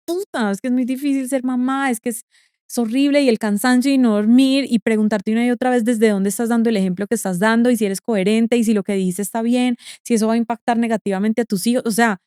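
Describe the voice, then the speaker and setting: Smooth-voiced woman telling stories. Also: a little high, no room sound, clean studio sound. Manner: animated storyteller, acts out quoted dialogue. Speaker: guest. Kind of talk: casual interview chat.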